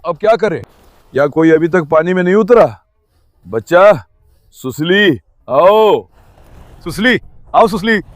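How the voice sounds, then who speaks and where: A man's voice: high-pitched, no echo. A man vlogging outdoors at the sea, calling and coaxing his dogs with pet names in an affectionate way. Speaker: dog owner vlogger. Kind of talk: casual vlog talk to pets. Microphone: handheld mic.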